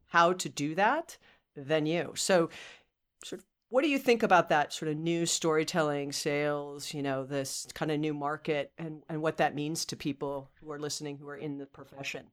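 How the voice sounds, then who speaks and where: A woman in her fifties hosts a podcast interview, upbeat and chatty, often saying "you know" and starting her sentences over. Her voice is low-pitched and her pace normal.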